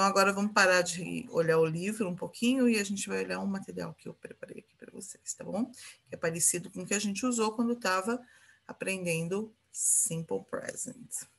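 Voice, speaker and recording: A woman's voice: medium pitch, vocal fry. A Brazilian woman teaching an English grammar lesson, patiently repeating example phrases and checking in with her students.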